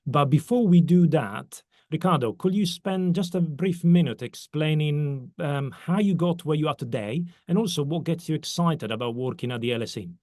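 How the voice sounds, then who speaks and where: A man's voice: on the high side, moderate pace, a little mellow, no room sound, clean studio sound. A man from Italy hosting an economics podcast, asking long winding questions full of "kind of". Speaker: podcast host, interviewer. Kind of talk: podcast interview.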